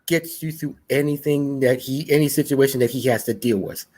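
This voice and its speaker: Casual co-host, halting, lots of yeahs and likes. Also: mid-range voice, a crowd in the background. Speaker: podcast co-host. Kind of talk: casual pop-culture discussion.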